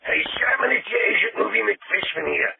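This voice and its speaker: Man doing a high-voiced armless sleazy agent. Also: expressive, moderate pace, creaky, very noisy, heavily acted. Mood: rambling. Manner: rambling, stammering, profane. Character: foul-mouthed armless male talent agent. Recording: tinny phone line.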